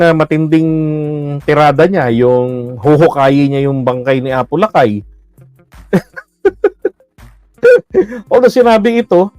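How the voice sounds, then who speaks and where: A man's voice: fairly high pitch, darkish tone, dry recording. A man giving blunt, mocking political commentary in a casual livestream, laughing often and using many fillers.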